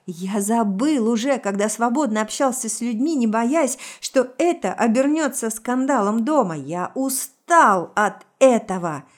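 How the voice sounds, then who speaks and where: A woman reading a story aloud, voicing a weary, exasperated young man in a quarrel with a lowered voice. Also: lively intonation, a little slow, darkish tone. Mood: frustrated.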